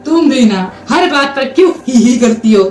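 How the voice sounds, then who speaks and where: A woman's voice: high voice, lively intonation, moderate pace, a little mellow. A woman voicing a middle-aged mother-in-law who scolds her daughter-in-law. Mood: stern. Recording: roomy, distant mic, faint music.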